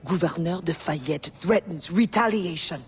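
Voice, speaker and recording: An actress as a worldly madam who runs a spy network in a video game. She speaks low, in a measured and imperious manner, guarding every word. Music plays underneath. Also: close to an everyday voice. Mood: grave, pleading. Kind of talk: dramatic video game acting.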